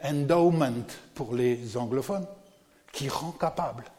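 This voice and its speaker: A man preaching a sermon to a congregation, animated and often putting questions to his listeners. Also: medium pitch, takes it slowly, long reverb tail. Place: church.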